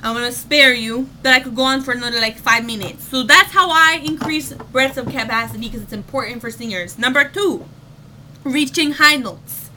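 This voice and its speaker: Young woman chatting singing tips at home, high bright voice, tons of fillers, faint background hiss. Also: moderate pace. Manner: chatty, many fillers, bursts into sung demo notes. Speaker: vlogger giving voice tips. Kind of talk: casual vlog lesson.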